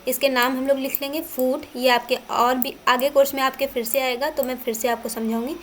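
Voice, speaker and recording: High-voiced woman teaching poetry basics. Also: level tone, a little fast, a little hiss or hum. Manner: repeats terms, spells words out letter by letter; asks questions then answers them. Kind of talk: exam-prep lecture.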